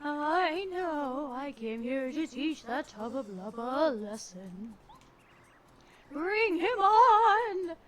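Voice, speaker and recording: Haughty game ghost princess, put on by a woman; lofty, high, drawn-out delivery. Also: sing-song, a bit bright, a little hiss or hum, exaggerated voice. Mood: heroic. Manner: drawn-out, dramatic exclamations.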